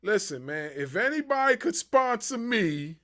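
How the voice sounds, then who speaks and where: A man's voice: sits high, measured pace. A man hosting a wrestling podcast, chatting casually and animatedly with lots of fillers. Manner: animated, rambling with many fillers. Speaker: podcast host. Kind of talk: casual interview chat.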